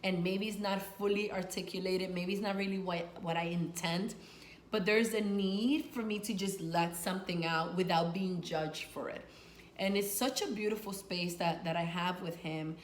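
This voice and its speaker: A video host and sex and life coach, Dominican by origin and raised in New York, speaks to camera in a low-leaning voice with fairly even intonation at a moderate pace. Her advice is earnest and conversational, informally worded, with key words stressed. The recording carries room echo and faint noise.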